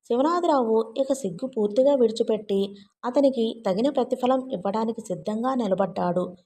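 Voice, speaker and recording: A woman narrating a novel aloud with an expressive storytelling reading. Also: a little high. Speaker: audiobook narrator.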